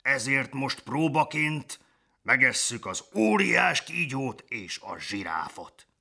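A man voicing a pompous wildebeest herd leader in a storybook reading, proclaiming slowly. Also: medium pitch, very animated, creaky, pushed and bright, husky, pitched above the performer's own voice, exaggerated voice.

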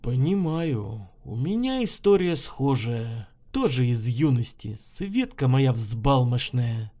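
A man playing a hot-tempered middle-aged lieutenant colonel who gives orders gruffly and bluntly. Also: mid-range voice, very animated, takes it slowly, warm tone, pitched below the performer's own voice. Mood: reflective.

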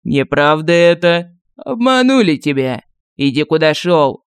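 A woman's voice: sits low, big pitch swings, measured pace, smooth, dry recording, heavily acted. Woman playing brusque, irritable male vampires. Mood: hostile. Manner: brusque, shouting people away. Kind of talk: audiobook character voicing.

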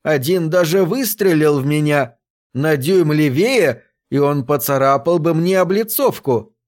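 A man's voice: fairly high pitch, lively intonation, unhurried, darkish tone. A man voicing a meek, bewildered work robot in an audiobook, speaking in a plaintive, aggrieved way. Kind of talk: audiobook reading of a science fiction story.

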